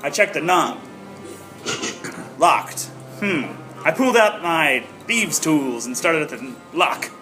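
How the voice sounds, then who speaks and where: A wry, unflappable male private eye played by a man narrates an improvised noir audio drama. His voice is fairly high, his sentences short and clipped, with music playing behind. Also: animated, slow pace, pauses often. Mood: narrating.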